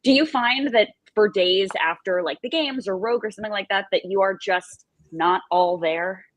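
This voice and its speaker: A woman's voice: medium pitch, normal speed, slight background noise. A woman co-hosting a podcast, asking a guest a thoughtful question in a friendly way. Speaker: podcast co-host. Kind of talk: casual podcast chat.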